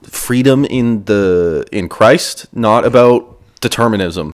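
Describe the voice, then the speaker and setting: A man co-hosts a relaxed podcast chat, cracking self-deprecating jokes between his points. His voice sits low. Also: slow. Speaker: podcast co-host. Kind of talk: casual podcast discussion.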